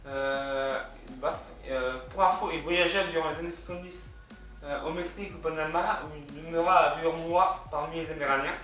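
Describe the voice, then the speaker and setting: A man with a French accent talks through his notes in a lecture, stumbling often and restarting his sentences. His voice sits a little high and sounds distant from the mic. The room is very echoey. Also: steady tone, fairly quick, fairly bright tone, soft background music. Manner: many hesitations and restarts, reads out web addresses. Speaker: culture video host. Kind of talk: hesitant spoken lecture from notes.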